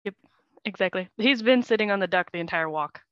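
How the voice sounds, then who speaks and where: A woman's voice: mid-range voice, fairly quick, dry recording, muffled recording. A woman playing a tabletop game, chatting casually about what her character does.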